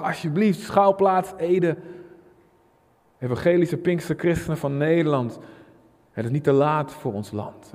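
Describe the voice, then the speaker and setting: A man preaching a sermon with passion, dropping to a hush and then rising to a shout. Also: medium pitch. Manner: passionate, swings from hushed to shouting. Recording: long hall reverb.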